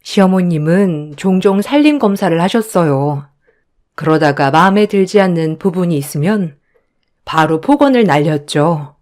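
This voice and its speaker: A woman's voice: fairly low pitch, moderate pace. A woman narrating her own story and voicing herself as a hurt, pleading wife. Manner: expressive, hurt and pleading in dialogue.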